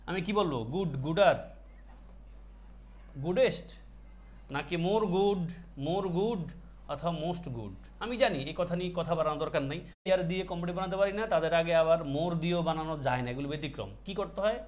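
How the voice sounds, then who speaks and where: A man's voice: on the high side, a little fast, lo-fi sound. A man teaching an online English grammar class, explaining step by step, repeating words and asking his students questions.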